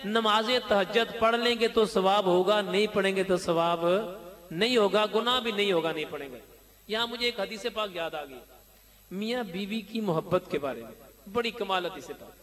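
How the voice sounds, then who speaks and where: A man's voice: high-pitched, normal speed, a bit bright. A man preaching a sermon, exhorting listeners with chanting repetition. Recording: long hall reverb.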